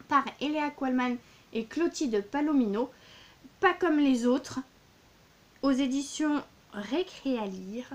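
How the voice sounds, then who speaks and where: Chatty woman gushing over books. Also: high voice. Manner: gushing, with many fillers and repeated words. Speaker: book vlogger. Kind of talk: casual book haul vlog.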